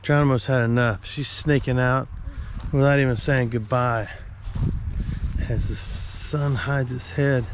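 A man's voice: medium pitch, steady tone, measured pace, slight background noise. A man giving casual, joking commentary while walking around an old rural churchyard cemetery. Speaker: explorer vlogger. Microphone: camera mic while walking.

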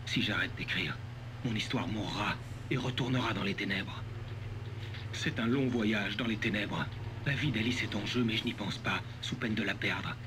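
A man voices an anguished writer in a video game. His voice sits low, with a grave, brooding delivery. There is clear noise behind it. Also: moderate pace, lightly acted. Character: brooding, anguished male writer narrating his own thriller. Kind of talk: scripted video game narration.

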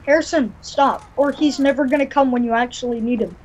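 High-pitched female gamer. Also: brisk, a little mellow, dull audio, a little hiss or hum. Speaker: game player. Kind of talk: casual gaming chat.

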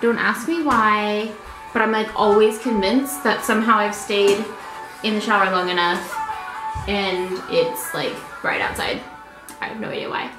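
A woman's voice: medium pitch, unhurried, over music. A woman in her twenties chatting casually to camera as a vlogger, rambling and easily distracted. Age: 20s. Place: small indoor apartment room. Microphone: camera at arm's length. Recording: echoey small room with faint noise.

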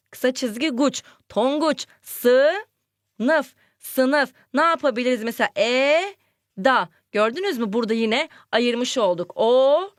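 Woman, primary teacher: higher voice, dry close sound, lively questioning delivery for small children. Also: dry recording. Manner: lively, questioning, acts out example sentences with exclamations. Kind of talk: classroom lesson for young children.

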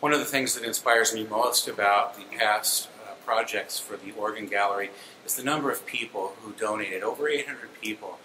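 A middle-aged man, a cathedral organist and music director, giving a measured, explanatory presentation to supporters. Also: lowish voice, bright, forceful tone, reverberant, slight background noise, poor audio. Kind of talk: guided presentation to donors. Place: large cathedral organ gallery, indoors.

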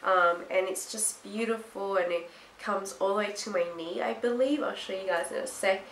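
A young fashion vlogger, sick with a blocked nose and itchy throat, chats casually to camera in a mid-range, slightly bright voice made nasal and congested by her cold. She speaks at a moderate pace in a small hard-walled room, with roomy echo and faint background noise.

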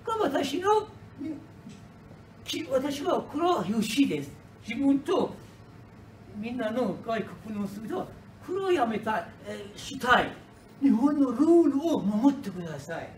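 A middle-aged man gives a prepared speech, slow and halting, restarting words as he goes. He sounds like he is speaking in a hall or classroom, some way off the mic. The room is echoey, with faint noise behind him. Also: very high voice, very animated, distant mic. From Iran. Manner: halting, non-native Japanese with restarts. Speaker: foreign resident giving a speech.

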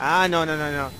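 An Argentine man hosting a casual chat while playing a fighting game, bursting into loud excited yelps. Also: fairly high pitch, slight background noise. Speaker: channel host, gamer. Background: game music.

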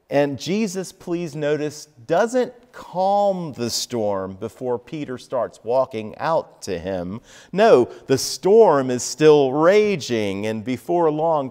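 A man preaching a sermon in a conversational, expressive storytelling manner. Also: a little high, in a large hall. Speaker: pastor. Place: church sanctuary.

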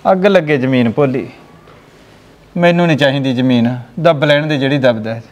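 An actor playing a middle-aged village farmer who pleads earnestly. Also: male voice, mid-range voice, normal speed, lightly acted. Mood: pleading. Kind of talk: village family drama acting. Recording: echoey room with long reverb.

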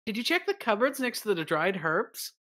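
A woman's voice: mid-range voice, big pitch swings, moderate pace, sharp tone. A woman streamer chatting casually during a game, playful and teasing, with casual swearing. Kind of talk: casual gameplay banter.

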